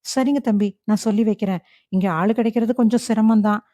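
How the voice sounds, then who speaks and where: Audiobook: woman narrator voicing eager male caretaker, mellow and dry. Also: medium pitch, fairly even intonation, brisk, no echo, lightly acted. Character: loyal male house servant, eager and humble. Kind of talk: audiobook character voice.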